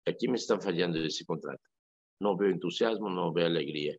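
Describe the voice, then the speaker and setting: Un sacerdote católico con acento mexicano que conversa en la radio, con un tono animado y enfático, como quien cuenta anécdotas. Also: male voice, low-pitched, a little fast, husky, no room sound. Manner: animated, emphatic, storytelling. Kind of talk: casual radio talk. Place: radio studio. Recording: dry lo-fi radio audio.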